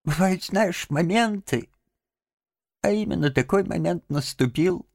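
Male reader playing a high, gravelly, melodramatic toad who sulks about his will; storybook, very dry read. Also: dry recording. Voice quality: creaky, sing-song pleading. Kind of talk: audiobook character voice.

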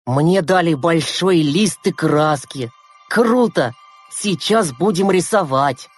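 A woman reading a storybook and voicing young schoolboys, whiny and excitable. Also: a little high, moderate pace, dry recording, faint music behind, pitched above the performer's own voice, close to an everyday voice. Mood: eager. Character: young schoolboy brothers, eager and sulky.

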